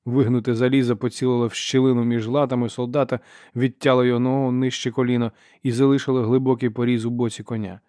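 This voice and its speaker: A man reading a novel aloud as an audiobook narrator, in steady, measured storytelling. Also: mid-range voice, no echo, clean studio sound. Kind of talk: scripted narration.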